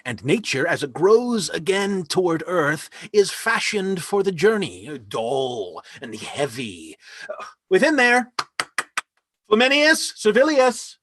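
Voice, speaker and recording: Man as a grand spendthrift lord in a stage play: slow, husky, very animated verse, dry home mic. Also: on the high side, heavily acted. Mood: commanding. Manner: slow, lively, emphatic verse speaking. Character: lavish generous nobleman facing ruin. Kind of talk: live online reading of a stage play. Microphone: home microphone on a video call.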